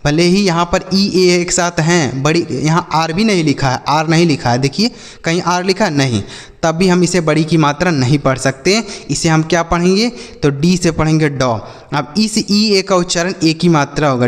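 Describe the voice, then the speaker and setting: Speaking at a normal speed with a higher-than-average voice, a man teaches English reading while a long reverb tail trails his words. He quizzes his pupils, spelling each word letter by letter and repeating questions to an imagined class.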